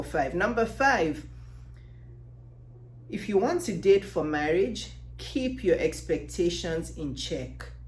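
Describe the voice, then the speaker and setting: A woman's voice: mid-range voice, a little mellow, slight background noise. A middle-aged woman with a Nigerian Yoruba accent gives emphatic, passionate advice straight to camera, often putting questions to the listener. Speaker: dating advice coach and host. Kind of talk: direct-to-camera advice talk. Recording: roomy, echoing sound.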